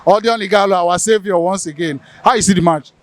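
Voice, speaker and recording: A man's voice: high voice, fast talker. A man with a Nigerian English accent, interviewing football fans on the street and echoing their words. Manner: chatty, echoes the guest's words. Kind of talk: street vox pop interview.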